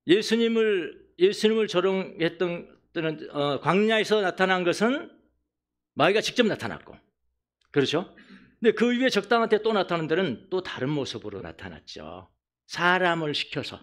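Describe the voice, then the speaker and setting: A man preaching a Sunday sermon as pastor, repeating phrases for emphasis, acting out mockers' voices and letting phrase ends drop quietly. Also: on the high side.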